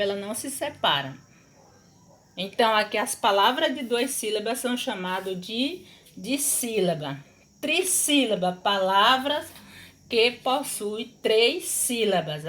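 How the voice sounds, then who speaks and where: A woman's voice: fairly high pitch, fairly bright tone. A woman teacher giving a recorded lesson to young pupils, explaining patiently and often checking that they follow. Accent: Brazilian Portuguese. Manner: slow, patient explaining with frequent "não é isso?" checks. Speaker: primary school teacher.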